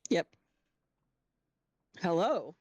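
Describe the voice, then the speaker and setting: A woman's voice: lowish voice, big pitch swings, drawn-out words, a little mellow, breathy edge, dry recording. A woman game master narrates a tabletop role-playing game. She takes her time, speaks informally with some swearing, and sounds close and dry.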